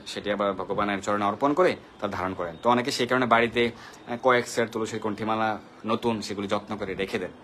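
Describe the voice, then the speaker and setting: A man's voice: fairly low pitch, fairly bright tone, slight background noise. A man hosting a live devotional question-and-answer session, patiently explaining and greeting viewers by name. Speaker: devotional Q&A host.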